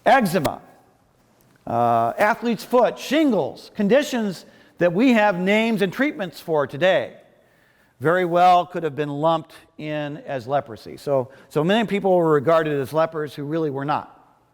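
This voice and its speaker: A male preacher gives a sermon in a slightly high-pitched voice that rings through a large hall with long reverb. His delivery is measured, with pauses and restarts as he feels his way through each thought. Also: animated. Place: large reverberant worship space.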